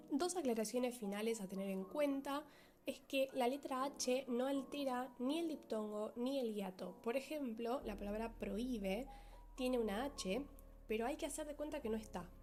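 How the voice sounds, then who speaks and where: A woman teacher, explaining a grammar lesson in a clear, methodical way and slowing down to stress key words. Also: fairly high pitch, a little mellow.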